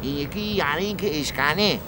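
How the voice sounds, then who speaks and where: A man voicing a boastful, cheeky junk peddler riding in a taxi, rambling on in a high, reedy voice. He talks in a teasing sitcom manner. Loud street and traffic noise runs behind him. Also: lightly acted. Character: chatty male junk-peddling passenger, cheeky. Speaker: taxi passenger. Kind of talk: comic puppet-show acting.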